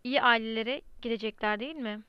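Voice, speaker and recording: A woman's voice: fairly high pitch, fairly even intonation, fast talker, clear, resonant tone, no echo, lightly acted. A woman reading the lines of a sentimental yet calculating middle-aged uncle in an audiobook. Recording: dry, slightly muffled lo-fi recording.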